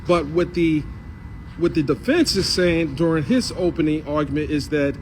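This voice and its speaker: A man's voice: on the high side, darkish tone, a little hiss or hum. A man giving a casual spoken report on a trial, hesitant and correcting himself.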